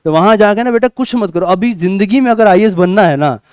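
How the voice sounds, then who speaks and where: A man teaching a class, lively, asking questions and answering them himself. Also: high-pitched, brisk, clean tone, no echo, clean studio sound. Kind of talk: classroom lecture.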